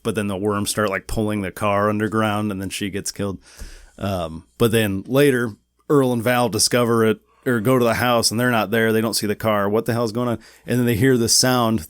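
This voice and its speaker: A man's voice: on the low side, clear, resonant tone, dry recording, clean studio sound. A man co-hosting a podcast, chatting casually and rambling with lots of fillers. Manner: laid-back, rambling with many "like"s. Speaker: podcast co-host. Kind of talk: casual chat.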